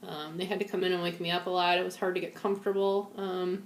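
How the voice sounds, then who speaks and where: Woman doing a casual video diary, kinda weak and woozy after surgery, lowish voice, echoey room. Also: flat delivery, fast talker, a little hiss or hum. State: shaky, feverish, recovering from surgery. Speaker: vlogger sharing a post-surgery update. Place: indoors at home.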